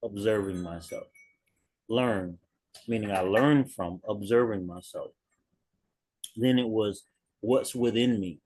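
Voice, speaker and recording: A man in a writing group sharing his reflections on a video call, slow and thoughtful, repeating key words. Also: on the low side, a little mellow, a little hiss or hum. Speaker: workshop participant.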